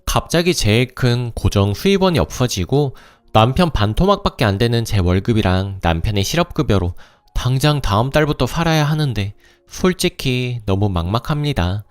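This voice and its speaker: A man reading a first-person life story aloud as calm, scripted narration. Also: mid-range voice, moderate pace, hardly any pauses, dry recording.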